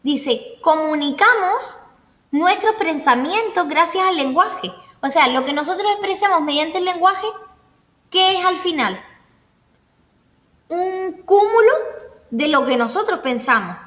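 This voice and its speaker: A woman gives a classroom lecture in a high voice, walking through points with examples and pausing to check her listeners follow. The sound is roomy with a long reverb tail. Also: animated, fairly bright tone. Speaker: teacher. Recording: echoey room, voice from a distance.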